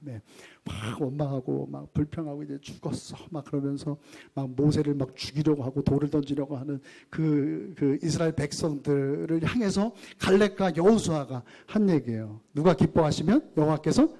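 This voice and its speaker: A male pastor preaching a sermon, asking the congregation questions and leading them through scripture readings, moving between raised and quiet phrases. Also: fairly high pitch, normal speed, creaky, few pauses.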